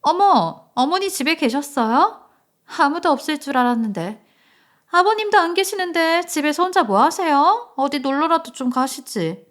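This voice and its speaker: A woman's voice: sits high, sing-song, normal speed, a bit bright, voice pushed up. A woman voicing a scheming young daughter-in-law in a told story, with a sugary, pleading, whiny manner. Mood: falsely cheerful. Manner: sugary, pleading, tearful whine. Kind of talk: storytelling radio drama reading.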